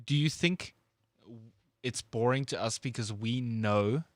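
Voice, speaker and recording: A man's voice: medium pitch, slow pace, no room sound. A South African man co-hosting a sports talk show, laid-back and questioning, full of "like" and "dude". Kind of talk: casual sports chat.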